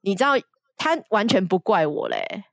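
A woman's voice: mid-range voice, normal speed, vocal fry, dry recording, studio quality. A young woman co-hosting a podcast, telling a personal story frankly and with animation, often acting out what others said. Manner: frank, animated, acts out quoted dialogue with laughs. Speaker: podcast co-host. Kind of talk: casual candid storytelling chat.

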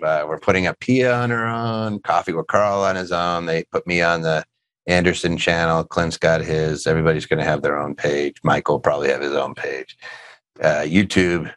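A man's voice: low-pitched, steady tone, moderate pace, fairly bright tone, no echo. A middle-aged man hosting a casual tax question show, answering listener questions and cracking dad jokes. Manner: joking, rambling, dad-humor asides.

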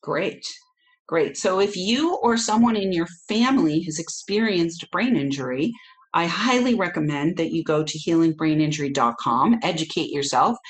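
An animated woman with a fairly low voice speaks at normal speed as a podcast host. She interviews a guest and makes upbeat, promotional announcements.

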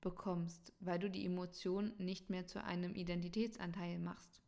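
A woman coaching her listeners in a calm, measured reflective talk, addressing them directly. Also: fairly low pitch, gravelly. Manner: slow, thoughtful pauses.

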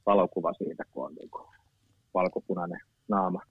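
A man in his fifties telling stories in a relaxed chat. He rambles, doubles back on his words and drops casual swear words. His dry voice comes through a slightly dull, lo-fi recording. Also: low voice, vocal fry, slightly rough, no room sound. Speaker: guest. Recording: dull lo-fi sound.

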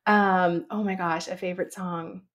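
A woman's voice: on the low side, fairly even intonation, moderate pace. A woman guest on an interview show, talking in a bubbly, giggly way with many fillers. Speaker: guest author and fitness instructor. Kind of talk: casual interview.

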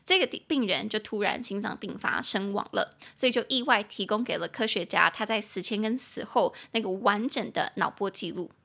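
A young adult woman hosting a podcast English lesson, chatting and slowly spelling out words as she explains them. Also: mid-range voice, creaky, a bit bright. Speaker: English teacher and podcast host.

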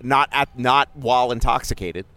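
In a mid-range voice with a sharp tone, a middle-aged podcast co-host who covers sports chats at normal speed. He's joking and rambling, frequently breaking off and starting his sentences over.

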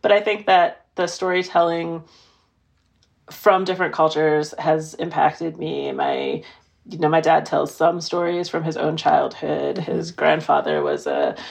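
Low gravelly-voiced woman author. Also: very animated, a little slow. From Midwestern United States. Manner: thoughtful, frequent "you know" fillers. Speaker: author guest. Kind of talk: conversational interview.

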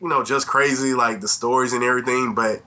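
A man's voice: medium pitch, steady tone, quick pace, bright, forceful tone. A middle-aged man co-hosting a podcast, reminiscing casually in a rambling, self-deprecating way full of little asides. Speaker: podcast co-host.

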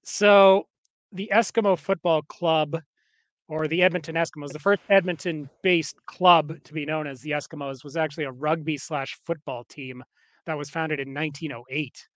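A man's voice: on the high side, steady tone, moderate pace, a bit bright, no echo. A Canadian man co-hosting a podcast in casual chat, rambling with lots of fillers and restarts. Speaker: podcast co-host.

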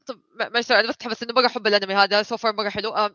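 Quick bright-voiced excitable woman. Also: mid-range voice, dry recording, dull audio. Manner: excitable, hesitant, apologetic, mixes in English. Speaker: podcast co-host. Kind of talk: casual chat about anime.

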